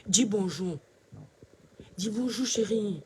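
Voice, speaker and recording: A woman talks animatedly to her viewers in a casual live phone video, her voice mellow and a little dark. The sound is roomy and echoey, with her voice held slightly away from the phone in a bedroom. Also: mid-range voice, slow pace, recorded from a distance, slight background noise. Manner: chatty and animated, addresses viewers as her stars; speaks softly at times so as not to disturb her husband. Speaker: social media vlogger. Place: bedroom at home, indoors. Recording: roomy echo, voice a bit off-mic.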